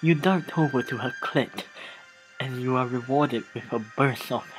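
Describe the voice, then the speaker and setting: The host of a let's play gives a slightly slow, dramatic reading of game text at medium pitch, with asides and frequent repeated or restarted phrases. It's a low-quality recording, and music sits behind the voice.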